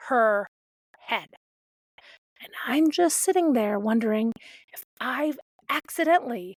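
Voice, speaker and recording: Slow, sardonic woman podcast host. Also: a little high, dry recording. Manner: sardonic, swears freely. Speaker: parent of a toddler. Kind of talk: comedic monologue.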